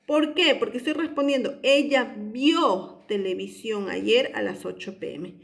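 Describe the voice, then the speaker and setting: A woman, an English teacher explaining homework step by step into a phone she holds, slowing down to spell out each English example. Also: a little high, vocal fry. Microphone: phone held in hand.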